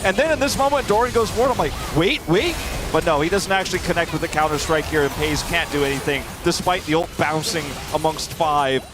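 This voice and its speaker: A man casts esports as the analyst, with a high-pitched voice. He explains the plays in a conversational commentary style. Broadcast music is clearly audible behind his voice. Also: fast talker, few pauses. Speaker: esports color caster and analyst.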